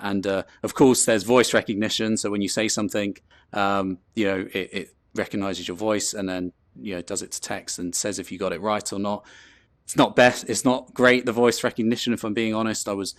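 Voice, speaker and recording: A host from London gives a casual talk in a loose, chatty manner, full of ums and restarts. He speaks with a low voice and a London English accent, and the recording is dry.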